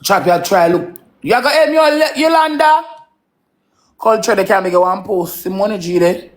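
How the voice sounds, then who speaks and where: A woman's voice: mid-range voice, moderate pace. A Jamaican woman in her thirties hosting a live stream, coaxing her chat with repeated call-outs in patois. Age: 30s.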